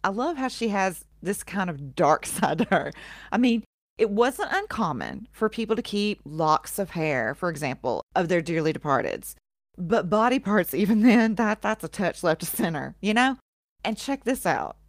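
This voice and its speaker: A woman's voice: mid-range voice, no echo, clean studio sound. A woman co-hosting a podcast, telling a history story in a casual, profane way and laughing often. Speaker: podcast co-host.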